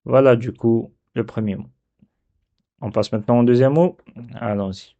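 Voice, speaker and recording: A man teaching a dictation lesson step by step, sounding syllables out slowly and repeating them. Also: medium pitch, mellow, highs cut off. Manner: slow, repeats syllables aloud. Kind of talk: step-by-step lesson on writing Arabic letters.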